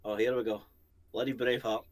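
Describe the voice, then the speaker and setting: A man's voice: mid-range voice, little pitch movement, quick pace. Scottish male co-host, rambling casual banter, salty and jokey. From Scotland. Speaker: co-host of a paranormal channel. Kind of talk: casual chat.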